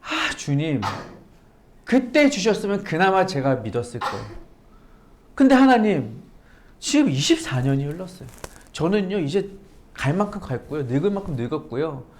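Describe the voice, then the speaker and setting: A woman's voice: low voice, sing-song, moderate pace, long pauses, a little hiss or hum. A woman preacher voicing Sarah as a weary, exasperated very old woman pleading with God in a sermon. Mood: weary complaint. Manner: tired, plaintive complaining. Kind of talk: sermon with acted quotes.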